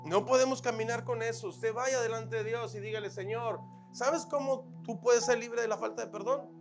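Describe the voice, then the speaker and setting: A man preaching as pastor, counting his points and repeating phrases, now loud and emphatic, now soft and quiet. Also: very high voice, steady tone, moderate pace, soft background music. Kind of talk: sermon.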